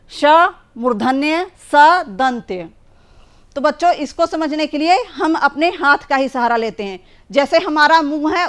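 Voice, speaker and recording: A woman teaching a children's language lesson, patiently drawing out each sound and word for young pupils. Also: high voice. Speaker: primary school teacher.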